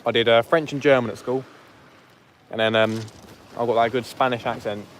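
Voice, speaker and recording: A man talks casually into his phone while fishing on a beach near dusk. He jokes and banters with his live viewers in an easy, mid-pitched voice. A faint hiss of open-air noise sits under his voice. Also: steady tone, moderate pace. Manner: jokey, chatty, banters with viewers. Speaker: fishing livestream host. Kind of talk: casual live commentary to chat.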